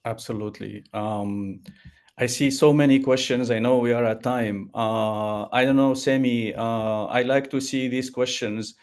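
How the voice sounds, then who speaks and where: A middle-aged man moderating a video call Q&A on a headset mic, speaking haltingly with many fillers. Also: mid-range voice, steady tone, a little mellow.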